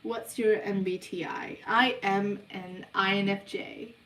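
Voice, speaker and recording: A young woman chats slowly through a livestream Q&A, pausing on ums as she reads out questions. Her voice sits a little back from the mic in an echoey room. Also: mid-range voice, fairly even intonation, fairly bright tone, recorded from a distance. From New Zealand. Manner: unhurried, hesitant, many ums, reads questions aloud before answering. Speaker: livestream host of a subliminal channel. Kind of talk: casual livestream Q&A reading chat questions. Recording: roomy sound, voice away from the mic.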